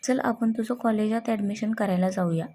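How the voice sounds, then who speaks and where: A woman's voice: mid-range voice, normal speed, dark tone, slight background noise, lightly acted. A woman voicing a bossy young man who scolds his cousin in an audio story. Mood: annoyed. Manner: annoyed, bossy.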